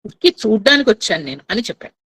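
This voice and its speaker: A woman's voice: mid-range voice, very animated, racing, a bit bright, husky, exaggerated voice. A woman voicing a clever monkey hero who plays innocent, asking questions meekly and politely.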